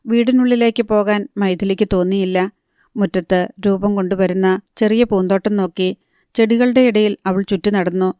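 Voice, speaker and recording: A woman narrating an audiobook novel in a calm, steady reading voice. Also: medium pitch, clear, resonant tone, no echo, studio quality. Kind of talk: scripted narration.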